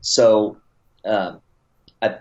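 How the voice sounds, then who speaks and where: With a lowish, steady, slightly mellow voice and drawn-out words, a Taiwan-born man in his forties who grew up in the United States recounts his story. He's an interview guest and martial arts promoter who rambles with frequent fillers and restarts, captured in dull lo-fi audio.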